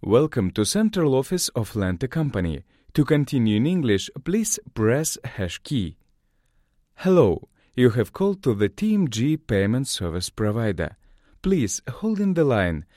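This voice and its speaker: Guy doing recorded phone menu prompts, formal and slow, bouncy intonation, dry studio sound. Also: medium pitch, darkish tone, no echo. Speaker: voice-over announcer.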